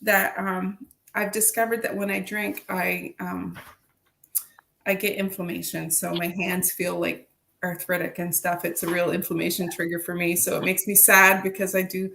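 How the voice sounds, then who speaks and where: A woman's voice: on the low side, flat delivery, moderate pace, creaky, sharp tone. A woman author chatting on a video call, self-deprecating and talkative. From Canada. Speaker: historical fiction author. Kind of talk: casual video chat.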